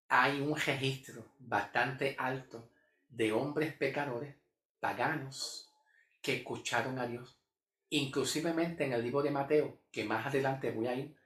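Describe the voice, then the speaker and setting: A man's voice: mid-range voice, fairly bright tone. A man teaching the Bible in a sermon style, repeating phrases emphatically and often checking in with "ok?". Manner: repetitive, emphatic, asks "¿ok?" often. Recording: echoey room with faint music.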